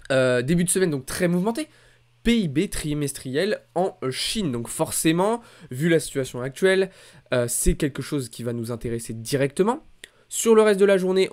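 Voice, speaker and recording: A man's voice: on the high side, darkish tone. Man giving casual market commentary. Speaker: host of a weekly markets recap.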